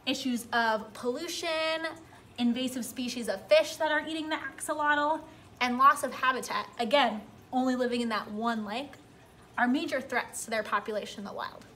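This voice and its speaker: A woman's voice: fairly high pitch, bright, forceful tone, slight background noise. A young adult woman speaking as a cheery zookeeper, giving a simple educational talk to camera. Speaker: zookeeper presenter. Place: small indoor room beside an aquarium.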